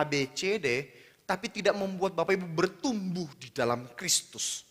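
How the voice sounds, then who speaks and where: An Indonesian man preaching a sermon in a lively, conversational way, speaking straight to his congregation. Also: sits high. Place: church hall. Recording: long reverb of a church hall.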